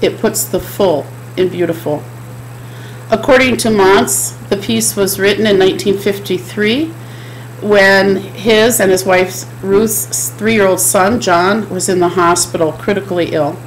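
A woman's voice: mid-range voice, a little slow, slight background noise, low-quality recording. Middle-aged woman preaching earnestly at a webcam. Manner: earnest, repetitive preaching cadence. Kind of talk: chapel sermon. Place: home office with bookshelves, indoors.

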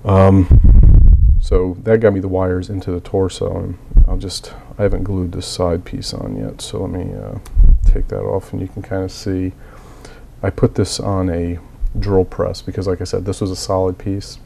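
This casual tutorial walkthrough comes from a male miniature hobbyist still recovering from a cold. He coughs occasionally and explains his build step by step in a plain way, using lots of fillers. His low, gravelly voice moves at a normal speed over background noise.

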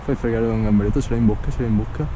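A man narrating his own fishing live on a canal bank, excitedly repeating words as he reels in fish. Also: fairly low pitch, very fast. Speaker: angler filming his fishing. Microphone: head-mounted action camera. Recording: outdoor noise on action camera.

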